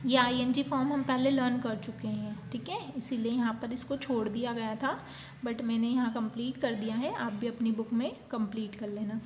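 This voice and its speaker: A woman's voice: a little high, fairly even intonation, moderate pace, a little mellow, echoey room, slight background noise. A woman teacher with an Indian accent giving an English grammar lesson for young children, drilling word lists patiently and checking in often.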